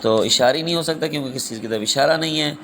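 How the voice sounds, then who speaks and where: A man's voice: a little high, creaky, fairly bright tone, slight background noise. A man teaching a class, reading exam questions and their options aloud, then giving the right answer and calling his students "beta".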